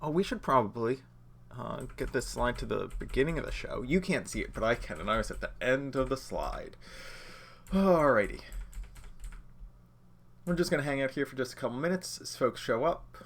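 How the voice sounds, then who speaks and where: Slightly nasal because he's feeling unwell, this man is a judge training instructor giving a livestreamed lesson. He keeps it relaxed and conversational, addressing viewers directly in a medium-pitched voice at a moderate pace.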